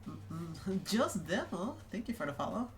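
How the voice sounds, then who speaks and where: Here a young adult streamer chats casually over a drawing session, reading chat and rambling with plenty of "like" and restarts. The medium-pitched voice is very animated yet unhurried. There's faint background music and a roomy echo to the space.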